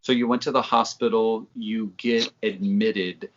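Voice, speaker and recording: A man's voice: on the low side, steady tone, measured pace, a little hiss or hum. A man conducting an interview, laying out background and asking questions. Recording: dull lo-fi audio.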